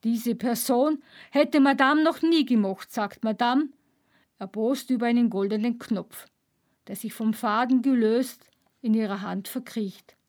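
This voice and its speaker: A woman reading a first-person literary narration in clipped, measured fragments. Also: fairly high pitch, darkish tone. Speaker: reader.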